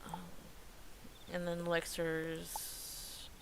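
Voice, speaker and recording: A woman live streamer giving casual game commentary in a hesitant, halting way, often searching for words. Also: fairly low pitch, monotone, background noise.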